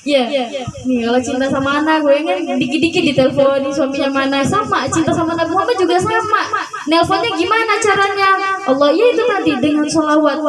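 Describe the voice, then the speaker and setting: A woman's voice: high voice, a little fast, a crowd in the background. A woman giving a chatty religious talk with stories and chanted prayers, speaking. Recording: echoey and distant, music behind.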